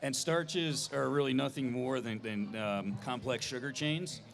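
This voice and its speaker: A man's voice: mid-range voice, measured pace, gravelly, a bit bright. A man with a Philadelphia accent, talking casually as a guest in an informal conversation. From Philadelphia area, US. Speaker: guest, business co-owner. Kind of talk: casual chat.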